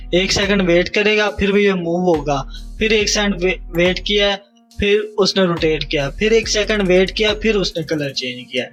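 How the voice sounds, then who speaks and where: A man's voice: sits high, a bit bright. A young man with a Pakistani Urdu accent teaches a programming tutorial while working on screen. He explains step by step, mixes in English coding terms and often checks in with "theek hai?".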